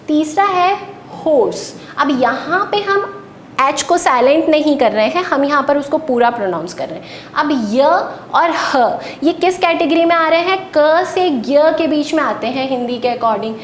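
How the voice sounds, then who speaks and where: A woman teacher, giving a patient classroom lecture and answering her own questions. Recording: echoey room with faint rumble.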